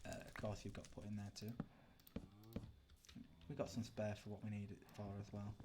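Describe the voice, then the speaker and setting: A man's voice: fairly low pitch, monotone, fairly quick, background noise. A young British man chatting casually while gaming live, rambling and answering viewer chat. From Britain. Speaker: livestreamer.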